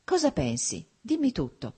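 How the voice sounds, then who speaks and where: A woman voicing a young bride in a story, high and anxious. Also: huge pitch swings, normal speed, slightly rough, heavily acted. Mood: frightened. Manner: bright, then alarmed and pleading. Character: young bride, eager then frightened.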